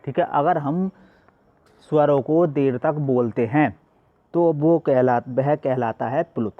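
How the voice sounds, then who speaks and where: A man's voice: fairly high pitch, takes it slowly, dry recording, phone-quality sound. A male teacher giving a classroom lesson, asking questions and answering them himself.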